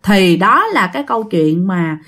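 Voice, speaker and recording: A woman's voice: mid-range voice, very animated, unhurried, a bit bright. A woman telling a ghost story in a chatty way, often talking straight to her listeners. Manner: chatty, addresses listeners directly. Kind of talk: casual ghost story narration.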